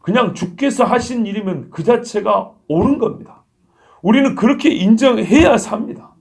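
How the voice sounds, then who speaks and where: A male pastor delivering a sermon, asking his listeners questions and answering them himself. His voice sits a little high, with a gravelly, husky texture. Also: lively intonation, normal speed.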